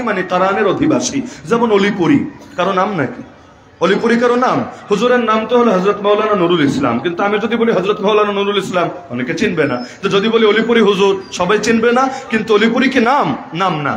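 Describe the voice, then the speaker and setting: Male preacher, high pitched, mocking then fiery, recorded in a reverberant room. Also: fairly bright tone. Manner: mocking, rhetorical questions, mimics others in a higher voice; impassioned, defiant. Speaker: Islamic preacher. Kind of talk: sermon.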